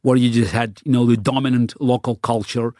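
A middle-aged man from Baku in the Soviet Union, a native Russian speaker, earnestly answers interview questions, often restarting and repeating words as he searches for phrasing. His medium-pitched voice is steady, brisk and warm. The clean studio sound has no echo.

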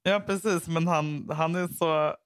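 A man co-hosting a podcast in casual chat, animated, swearing freely and acting out what others said. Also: fairly high pitch, clean tone, no room sound, clean studio sound. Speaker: podcast co-host.

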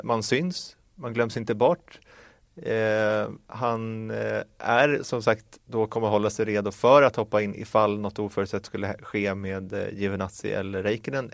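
A Swedish man co-hosting a casual motorsport podcast, giving measured, hedging explanations with fillers. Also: lowish voice, vocal fry, dry recording, clean studio sound. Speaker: podcast co-host.

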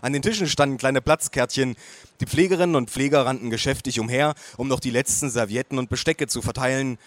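A male audiobook narrator reading in the first person, calm and measured with a wry touch. His voice is of middle pitch, recorded on a close mic in a dry, dead space. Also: no echo. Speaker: audiobook reader.

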